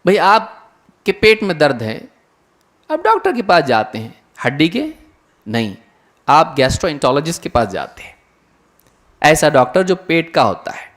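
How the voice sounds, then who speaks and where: A man's voice: on the high side, very animated, long pauses, fairly bright tone. A man giving an earnest religious lecture to an audience, asking many rhetorical questions. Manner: earnest, rhetorical questions, mimics imagined listeners. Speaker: Islamic lecturer. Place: lecture hall.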